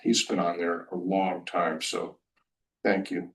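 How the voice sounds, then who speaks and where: At a public meeting, a town selectman with a low, level, slow voice makes motions and asks informal questions, coming across as casual and self-deprecating. He's picked up from far off the mic in the meeting room.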